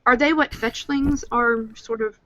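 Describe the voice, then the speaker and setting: A woman's voice: on the high side, steady tone, a little slow, fairly bright tone, no room sound. A woman chatting casually about a tabletop game, asking questions and snacking as she talks. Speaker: tabletop player. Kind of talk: casual chat. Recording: dull lo-fi stream audio.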